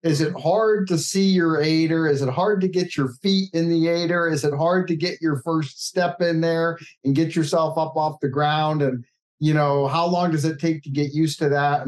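Male podcast host, casual and chatty, slightly high voice. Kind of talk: podcast interview.

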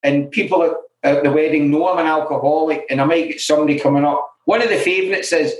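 A frank, self-deprecating middle-aged man from Glasgow, Scotland, tells candid stories as an interview guest in alcohol recovery, peppering them with "you know." His Glaswegian Scottish voice is fairly high, steady and fast, echoing in a roomy space.

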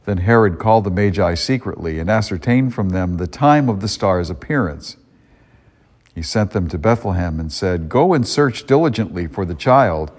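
A man's voice: sits low, lively intonation, normal speed, darkish tone. A man, a priest, reads the gospel and then preaches in a conversational way, often restarting his sentences, with a cathedral-like echo around him. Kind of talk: gospel reading and homily. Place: church. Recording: long church reverb.

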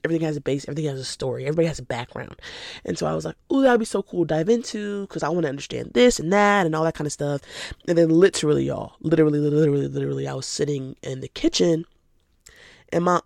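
With a low-pitched, creaky and somewhat dark voice, this eighteen-year-old Atlanta, Georgia native runs her own podcast. She sounds stuffy from a cold while she chats, rambles and laughs easily. The studio-quality audio has no room sound.

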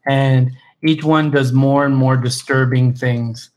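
A man co-hosting a podcast in casual chat, relaxed and enthusiastic, with lots of fillers and restarts. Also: medium pitch, slow. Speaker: podcast co-host.

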